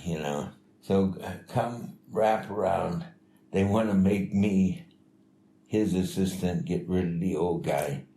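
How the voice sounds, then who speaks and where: An older man telling life stories in a casual, rambling, halting way, as an interviewee. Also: sits low, mellow. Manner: rambling, halting, chuckling delivery. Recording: echoey room with faint noise.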